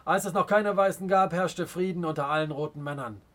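A man's voice: fairly high pitch, fairly bright tone, lightly acted. A man voicing a proud, stern Native chief in an audiobook, speaking in a scornful, commanding way. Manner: scornful, commanding, slow and weighty. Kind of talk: audiobook character reading.

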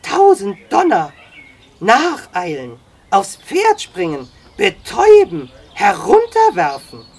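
A reader voicing Sam, a hearty old frontiersman who talks loudly and high in excitement. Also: unhurried, slightly rough, exaggerated voice. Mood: astonished. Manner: loud exclamations, high-pitched.

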